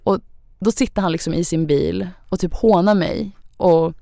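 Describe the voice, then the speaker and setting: A young woman with a low, gravelly voice recounts her own story as a podcast guest. Her talk is chatty and loose, packed with fillers. The studio sound is close and dry. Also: mellow, no echo. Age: young adult. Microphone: studio microphone.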